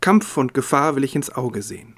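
A man reading aloud as a proud, defiant young noblewoman, his voice rising in pitch and force. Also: very animated, moderate pace. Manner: impassioned, raised pitch and volume.

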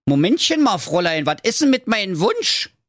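A man's voice: sits high, big pitch swings, moderate pace, a bit bright, dry recording, clean studio sound, pitched above the performer's own voice, heavily acted. A man voicing a cheeky, pushy male frog in a raised, chummy voice with a Berlin accent. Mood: wheedling.

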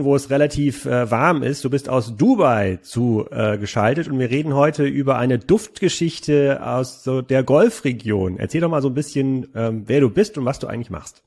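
A male podcast host with a gravelly, creaky edge to his mid-pitched voice. He talks in a loose, conversational way and asks long, rambling questions that speed up as they go. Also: darkish tone. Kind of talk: conversational interview.

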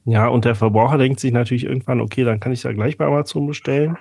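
A man's voice: medium pitch, fairly even intonation, fast, creaky, darkish tone, slightly rough, dry recording. A man co-hosting a podcast in casual chat, telling a story sarcastically with many fillers. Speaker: podcast co-host.

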